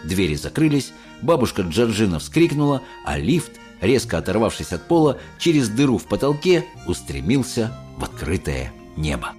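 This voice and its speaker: Expressive male audiobook narrator. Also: fairly low pitch, moderate pace, few pauses, soft background music. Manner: expressive, varied storytelling.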